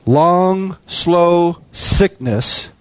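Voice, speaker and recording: Preaching very slowly and clearly, this man has a resonant tone and a voice pitched a bit above the typical male range. He drives home repeated phrases with emphatic rhythm, and there is no echo.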